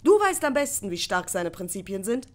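A woman's voice: mid-range voice, sing-song, fairly quick, natural voice. A woman voicing a proud, scornful young woman in an audiobook, speaking dismissively.

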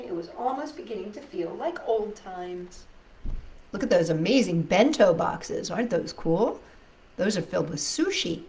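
At home in her living room, a middle-aged storytime host reads a picture book to children in a medium-pitched voice. She is animated, uses dramatic pauses and talks directly to her young listeners, recorded on a roomy, distant mic with background noise.

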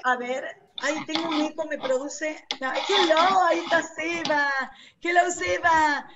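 A woman teacher with an Argentine Spanish accent, running an online English class in a lively, coaxing way. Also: high-pitched, measured pace, dull audio. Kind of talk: online class, drilling vocabulary. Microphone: computer mic on a video call. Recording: noisy video call audio.

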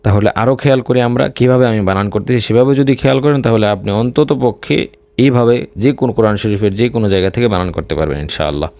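A man giving a patient Quran reading lesson, spelling letter by letter and reciting slowly between plain explanations. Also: mid-range voice, a little mellow, no room sound. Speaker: Quran teacher.

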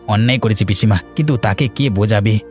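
A man's voice: lowish voice, fast talker, darkish tone, soft background music, lightly acted. A man voicing a hesitant young nephew in a cartoon. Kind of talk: cartoon voice acting.

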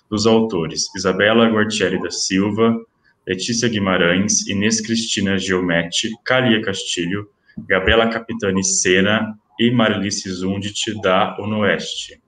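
Low-voiced man reading award announcements. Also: echoey room, a little hiss or hum. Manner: steady listing of titles and names. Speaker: event presenter announcing award certificates.

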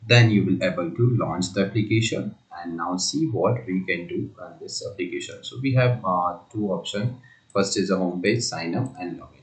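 Deep-voiced man walking through software. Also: roomy sound, low-quality recording. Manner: explanatory, with frequent fillers and restarts. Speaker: software tutorial presenter. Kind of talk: screen-recorded coding walkthrough.

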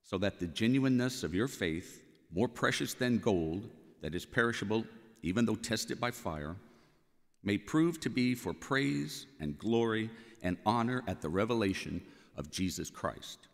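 A man's voice: on the low side, lively intonation, unhurried, vocal fry. A man reading scripture formally as a lector at a church lectern. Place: large church interior, at a lectern. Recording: long church reverb.

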